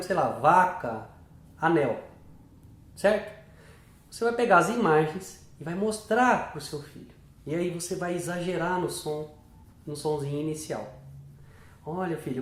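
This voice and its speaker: A man's voice: high voice, echoey room. A male teacher explaining a reading method to parents, checking in often with short questions. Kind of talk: instructional talk to parents.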